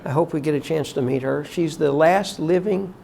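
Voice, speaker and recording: An older man, a college teacher, reminiscing about former staff in a heartfelt, halting way, often emotional and prayerful. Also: on the high side, gravelly, mellow, slight background noise.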